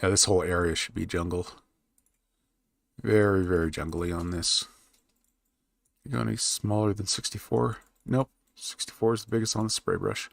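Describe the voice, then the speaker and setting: A man with a low, gravelly voice talks casually to his stream as he works on a map. He mutters quietly to himself between remarks, then lifts his voice to talk to chat. The sound is close and dry, with typing and mouse clicks behind him. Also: steady tone, normal speed, pauses often, no room sound. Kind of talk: casual live-stream chat while working.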